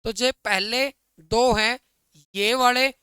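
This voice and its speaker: A man teaching Hindi grammar in an online exam-prep lesson, calling his listeners brother and dear friends and checking again and again that it is clear. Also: extremely high pitch, fairly even intonation, slow pace, pushed and bright, dry recording. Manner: keeps asking students if it is clear.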